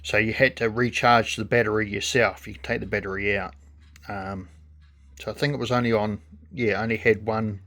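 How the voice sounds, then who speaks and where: A man with a New Zealand accent giving a casual, unscripted product review in a halting, hesitant way with pauses. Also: on the low side, steady tone, a bit bright. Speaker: gadget reviewer.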